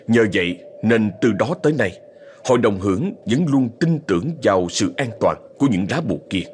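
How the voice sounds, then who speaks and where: A man's voice: lowish voice, a little hiss or hum. A man narrating a ghost story dramatically. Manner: dramatic, expressive.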